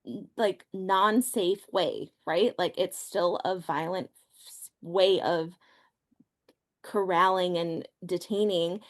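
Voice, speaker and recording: A woman co-hosting a podcast discussion, deliberate and often adding "right?". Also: lowish voice, fairly even intonation. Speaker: podcast co-host. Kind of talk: casual discussion.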